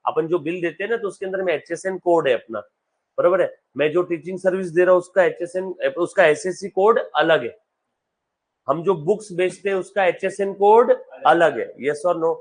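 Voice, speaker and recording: Male commerce teacher, high voice, live classroom, quizzes students often. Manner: quizzes students, calls them beta; reads English text slowly, explains in Hindi. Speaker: accountancy teacher.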